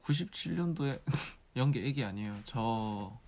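A man in his 20s who is an idol hosts a casual late-night solo livestream for viewers on his phone, holding the camera at arm's length in a dim room. He speaks with a regional Korean dialect accent, drowsy and meandering as he mumbles to himself. His medium-pitched voice is a little mellow, with lively intonation and a measured pace.

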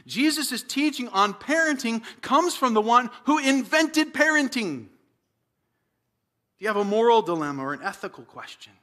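Male pastor, high bright voice, sermon delivery that rises to loud exclaims and drops to near-whispers. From United States. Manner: dynamic preaching, swinging from loud exclaims to hushed near-whispers.

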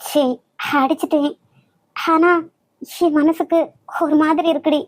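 A woman voicing a hurt, hot-tempered elder sister who speaks slowly and low, with a Kanyakumari Tamil accent. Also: steady tone. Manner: slow, lower, subdued.

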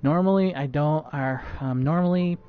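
Streaming himself playing a game, this man speaks at a normal pace in a slightly high, clean voice. His talk is casual, with frequent stutters, fillers and false starts, all captured in dull lo-fi stream audio.

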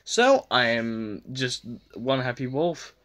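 Filming on a phone held at arm's length in a small bedroom, a vlogger in his twenties gushes through an excited reaction video, swinging from shouts to hushed whispers and swearing freely. His voice is medium in pitch and he speaks slowly.

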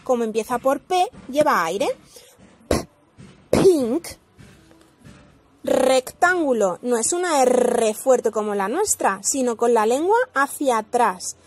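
A woman from Spain, an English teacher giving a slow pronunciation lesson, modeling words carefully and explaining them. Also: a little high, animated, soft background music.

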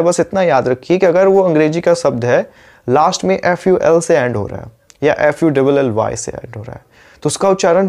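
A man with an Indian English accent and a slightly high voice gives a YouTube pronunciation lesson. He is patient and repeats each word slowly. He keeps asking the viewer whether they are following along. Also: darkish tone. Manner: checks in often with rhetorical questions. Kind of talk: YouTube lesson, explaining in Hindi.

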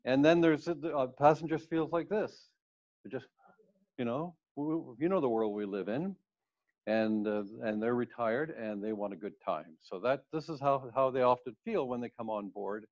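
A man's voice: mid-range voice, darkish tone. Older man talking through slides, dull sound. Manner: conversational, rambling with restarts. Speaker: cruise ship speaker. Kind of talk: slide presentation talk. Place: indoors in front of a plain wall.

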